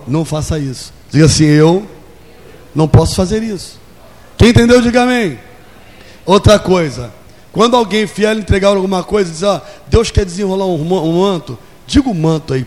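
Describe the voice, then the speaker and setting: A man's voice: sits high, animated, normal speed, pauses often, a little mellow. A man in his forties preaching a sermon in a church, leading call and response and acting out little scenes. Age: 40s. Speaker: pastor. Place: church hall. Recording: long hall reverb.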